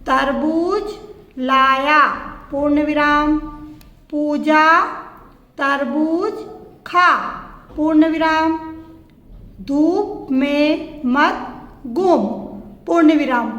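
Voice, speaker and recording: A woman with a high, somewhat bright voice teaches a primary school class, patiently spelling words out letter by letter. The slow lesson is recorded in an echoey room with long reverb.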